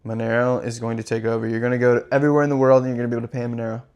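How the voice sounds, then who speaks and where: Gravelly, ranting man. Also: mid-range voice, flat delivery, racing, darkish tone, highs cut off. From United States. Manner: ranting, profane, repetitive. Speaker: crypto channel host. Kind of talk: impassioned monologue.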